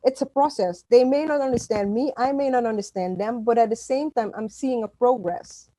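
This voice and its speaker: A middle-aged Surinamese woman, a native Dutch speaker, is a guest author in a conversational interview, speaking emphatically and often restarting. Her voice is fairly high and mellow at a moderate pace. The recording is dry and the audio quality is poor.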